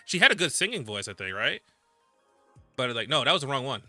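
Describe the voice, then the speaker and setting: A man's voice: mid-range voice, sing-song, a little fast, bright, forceful tone, no room sound, faint music behind. A young man streaming a game, rambling casually and reading the game's narration aloud. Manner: rambling, laid-back, reads narration aloud.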